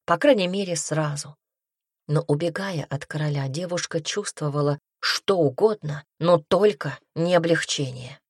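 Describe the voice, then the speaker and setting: Female audiobook narrator, low voice, dry close sound. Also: moderate pace, a little mellow, husky, no echo. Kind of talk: scripted narration.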